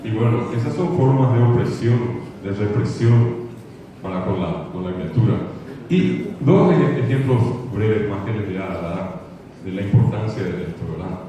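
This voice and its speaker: A man's voice: on the low side, lively intonation, moderate pace, dark tone, slight background noise. A man with a Paraguayan Spanish accent giving an earnest, repetitive conference lecture, now and then mimicking how children mispronounce words. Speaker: congress speaker. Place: lecture hall. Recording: echoey hall from far off, dull.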